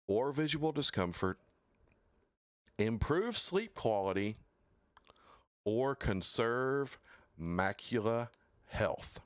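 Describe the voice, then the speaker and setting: A man's voice: no room sound, studio quality. A man hosting a casual livestream talk show, bluntly mocking product claims and reading quotes aloud. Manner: mocking and blunt, swears, slow deliberate delivery with sudden high exclaims.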